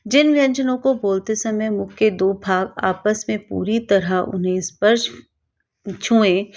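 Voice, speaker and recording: A woman teaching a grammar lesson, reading out example words slowly and carefully, one at a time. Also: mid-range voice, gravelly. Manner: slow, careful, spells out each example word. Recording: dull lo-fi recording.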